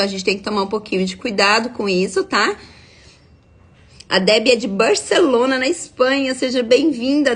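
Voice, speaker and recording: A young adult woman, her voice a bit high and husky. She explains nutrition like a nutritionist on a live stream, stopping often to check that her viewers are following. She also answers her viewers' comments as she goes. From Minas Gerais, Brazil. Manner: explanatory, checks in with frequent tag questions.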